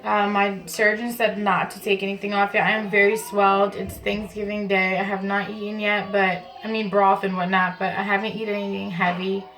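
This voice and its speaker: Female vlogger, casual and chatty, mid-range voice with heavy creak, informal explainer delivery to camera. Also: mid-range voice, flat delivery, a little fast, hardly any pauses, a bit bright, poor audio. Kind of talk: casual vlog talk to camera. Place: at home in a bathroom.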